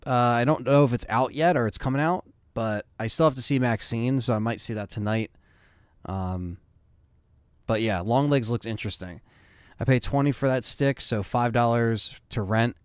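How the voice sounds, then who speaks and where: A man's voice: medium pitch, moderate pace, smooth, no echo, studio quality. A man in his thirties hosting a live stream, chatting casually and reading viewer comments with loose fillers. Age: 30s.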